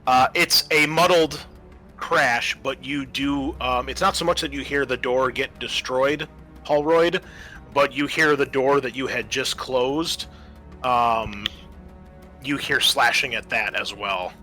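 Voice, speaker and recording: With background music beneath him, a game master describes the scene of a tabletop roleplaying game in a relaxed, descriptive manner. He speaks slowly in a medium-pitched voice that sounds pushed and bright.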